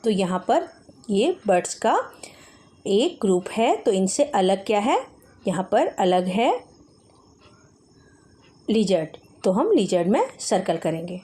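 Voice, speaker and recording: A woman teacher patiently explaining textbook exercises to young children, mixing Hindi and English and reading word lists slowly. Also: medium pitch, sing-song, warm tone.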